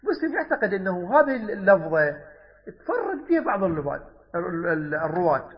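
A man's voice: high voice, sing-song, a little fast, in a large hall. A man giving a religious lesson, explaining texts and repeating key words, shifting between dialect and formal speech. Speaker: Islamic teacher. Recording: dull lo-fi recording.

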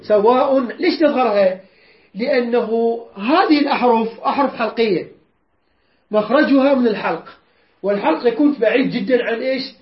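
A man's voice: extremely high pitch, normal speed. Man teaching Quran recitation. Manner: patient, repeats and quizzes students. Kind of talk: tajweed lesson with call-and-response drills. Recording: roomy, dull lo-fi recording.

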